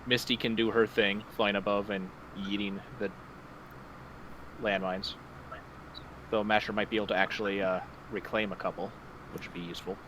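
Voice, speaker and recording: A man's voice: lowish voice, flat delivery, normal speed, long pauses, background noise. A man playing a tabletop game, talking through plans in a methodical way. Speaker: player.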